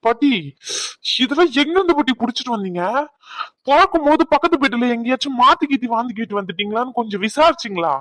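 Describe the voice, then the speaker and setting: A man's voice: extremely high pitch, animated, fast, a bit bright, no echo. A man voicing a playful young man in a cartoon who keeps mocking and teasing his friends. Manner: mocking, teasing, laughs often. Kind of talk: cartoon voice acting.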